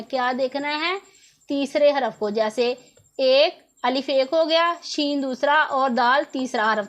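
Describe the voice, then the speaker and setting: High-voiced woman teaching patiently. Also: dull audio. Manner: patient, repeats rules and asks the question herself before answering. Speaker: Quran reading teacher. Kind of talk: step-by-step lesson explanation.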